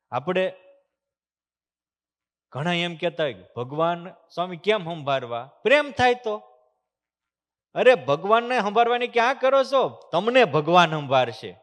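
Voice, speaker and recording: A man giving a temple sermon. He tells devotional stories, chants verses, and moves between loud emphasis and soft hushed passages. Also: sits high. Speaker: swami giving a discourse. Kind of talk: sermon with storytelling. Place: temple hall.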